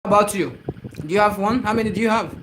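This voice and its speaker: A man with a Nigerian accent and a notably high voice chats on a live stream, repeating words and phrases as he greets viewers and answers their questions one by one. His first language is Igbo. Steady traffic noise runs behind him on a noisy recording. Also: fast talker. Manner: repetitive, reads out and answers viewer comments.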